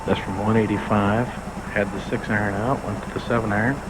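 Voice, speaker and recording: A man's voice: fairly low pitch, fairly even intonation, a little fast. A man reporting matter-of-factly from out on the course in live golf commentary. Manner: matter-of-fact. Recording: loud outdoor noise on the course.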